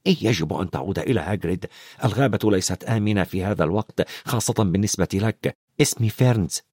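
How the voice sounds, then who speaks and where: A man voicing a calm young male centaur in an audiobook, speaking softly and earnestly. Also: fairly low pitch, fast talker, husky, no echo, studio quality, voice pushed down.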